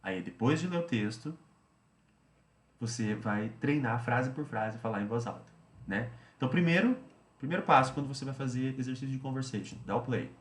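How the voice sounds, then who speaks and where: A man's voice: mid-range voice, expressive, normal speed, echoey room. A man teaching English, explaining a study routine in a chatty way, often repeating himself and tagging phrases.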